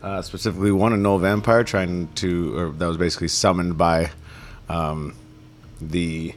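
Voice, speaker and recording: A man's voice: low voice, level tone, moderate pace, slight background noise. A man running a tabletop game, casually recapping the last session with many fillers. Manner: loose, rambling, many fillers. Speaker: game master.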